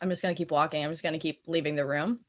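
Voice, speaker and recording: A woman's voice: low-pitched, steady tone, very fast. A woman hosting and playing a tabletop game, chatty and playful. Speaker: player and show host. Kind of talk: casual tabletop game play.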